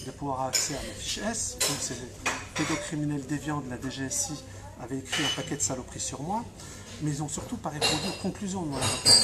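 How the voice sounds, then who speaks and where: In a very noisy recording, an interviewed activist from Franche-Comté speaks with a fairly high voice. He answers passionately and emphatically, restarting and repeating himself often.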